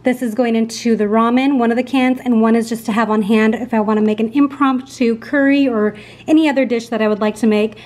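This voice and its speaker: A woman's voice: fairly high pitch, fairly even intonation, fairly quick, a little mellow. A woman in her thirties chatting casually with viewers in an upbeat way as she shows off groceries in her kitchen. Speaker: lifestyle vlogger. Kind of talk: casual grocery haul narration. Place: home kitchen, indoors.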